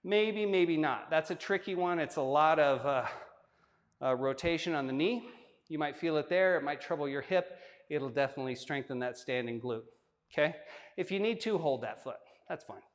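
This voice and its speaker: A man guiding a yoga flow, giving step-by-step cues with relaxed, joking asides while he demonstrates. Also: on the high side, normal speed. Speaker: yoga instructor. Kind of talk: guided yoga class instruction. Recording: long hall-like reverb.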